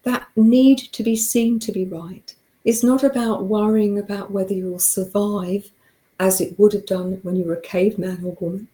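A hoarse woman hosting a talk show, giving earnest coaching advice to listeners. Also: medium pitch, mellow, low-quality recording. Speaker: host. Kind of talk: motivational talk.

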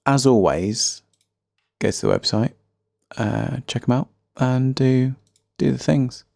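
A man's voice: medium pitch, takes it slowly, gravelly, a little mellow, no echo, clean studio sound. A man with a faint Birmingham accent hosting a casual solo music podcast, chatty, rambling and self-deprecating. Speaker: podcast host.

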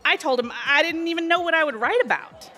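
A woman's voice: very high-pitched, fast talker, sharp tone, soft background music. A woman playing a sly, chatty waitress. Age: 30s. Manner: chatty, sly, sweetly condescending. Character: scheming woman bar waitress, aspiring actress. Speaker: cocktail waitress. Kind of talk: audio drama acting.

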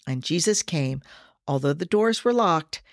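Low-voiced woman teaching her faith. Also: animated, dry recording, studio quality. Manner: earnest, slows down to stress scripture; addresses listeners directly. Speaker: podcast host. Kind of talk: devotional podcast teaching.

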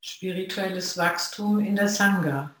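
Zen talk, slow and thoughtful, lots of pauses, super echoey room. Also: medium pitch, fairly bright tone. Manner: slow, measured, pausing between phrases. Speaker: Zen practitioner giving a talk to a sangha. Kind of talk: reflective dharma talk.

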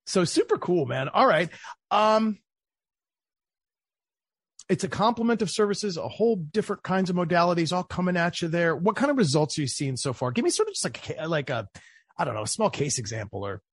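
A man's voice: high-pitched, a little fast, slightly rough, dry recording, studio quality. A man interviewing a guest in a casual way, telling anecdotes and acting out quotes. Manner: casual, animated storyteller, acts out quotes. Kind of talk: conversational interview.

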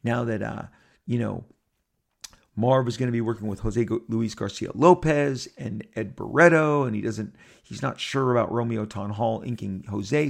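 A podcast host in his fifties tells his listeners a rambling story in a casual monologue, his mid-range voice showing vocal fry. He's animated, repeating and restarting, and quotes others in character.

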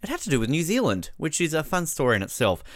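A man's voice: on the high side, wildly swooping pitch, quick pace, no room sound, clean studio sound. A man with an Australian accent hosting a sports podcast in a chatty, wordy, bantering way.

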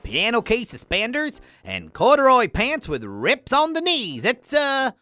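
A woman's voice: fairly high pitch, wildly swooping pitch, unhurried, bright, forceful tone, exaggerated voice. A woman voicing a boastful alien sidekick who fancies himself a great actor, grand and bossy in a children's audio drama. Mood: grandiose.

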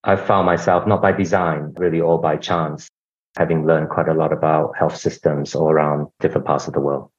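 A rumbling low voice with little pitch movement, at normal speed, belongs to a middle-aged Singaporean healthcare executive. As a podcast guest he explains his organisation conversationally, often tossing in "you know", and the audio is dull and lo-fi.

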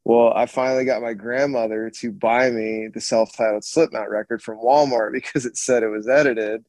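A man who plays in a rock band, telling stories in a rambling, animated way with lots of restarts. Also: medium pitch, moderate pace, no room sound. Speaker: guitarist and screamer in a rock band, guest. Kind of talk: casual storytelling chat.

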